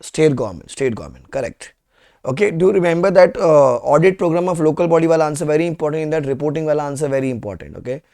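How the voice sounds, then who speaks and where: A man's voice: fairly high pitch, very fast, vocal fry, few pauses, darkish tone. Indian man teaching, repeating for emphasis. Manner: repeats questions and phrases for emphasis. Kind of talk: live classroom lecture with quiz questions.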